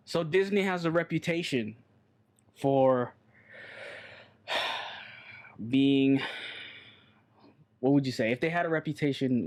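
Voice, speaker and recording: A man's voice: medium pitch, darkish tone. A man co-hosting a podcast in casual chat, loose and joking, swearing and repeating himself. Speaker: podcast co-host.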